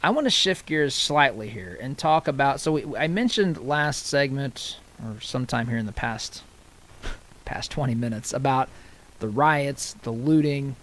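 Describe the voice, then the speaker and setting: An American man hosting live election-night radio, giving unscripted political commentary in a halting way, often repeating phrases and breaking off to read figures. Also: medium pitch, animated, fairly bright tone.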